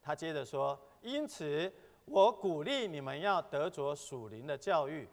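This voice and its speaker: A man's voice: high voice, creaky. A man teaching a church group in a sermon style, reading quoted passages aloud and asking his listeners to answer back. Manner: reads quoted passages, then asks the group questions. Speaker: church teacher leading a training session. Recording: long reverb of a large hall.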